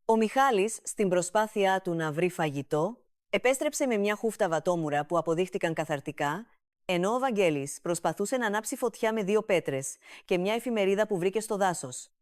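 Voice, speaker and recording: A woman narrating a comic family story with an even, steady storytelling delivery, recorded close to the mic. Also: medium pitch, dry recording.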